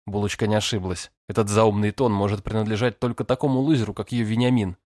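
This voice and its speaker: A man's voice: on the low side, fairly even intonation, quick pace, a little mellow, no room sound, studio quality. A man narrating an audiobook in the first person, with a cocky, teasing manner.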